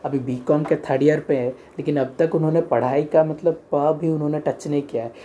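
A young man spins a comic tale in a loose, rambling way and keeps correcting himself. His voice is soft and mellow, with a faint hiss of noise in the background. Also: a little high, fairly even intonation, fairly quick, lo-fi sound. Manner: rambling, chatty, mixes in English phrases and many self-corrections. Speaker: comic storyteller. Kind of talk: casual comic storytelling vlog.

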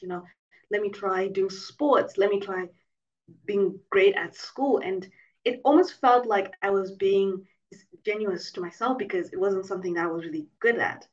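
A woman from Zimbabwe speaks as a guest in a casual remote interview, reflective and chatty with plenty of fillers. Her voice sounds far from the mic. The call audio is dull and lo-fi. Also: medium pitch.

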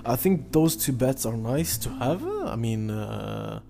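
A man talks casually as a solo podcast host previewing sports bets. His speech is halting and hesitant, full of stops and repeated words. There is a gravelly creak in his medium-pitched voice, with faint music behind it. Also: very animated.

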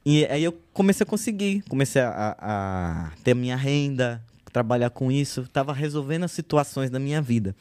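A man in his thirties, a guest artist in a relaxed podcast chat, telling his story with slang and lively quoted speech. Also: medium pitch, normal speed, few pauses, clear, resonant tone, no echo. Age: 30s.

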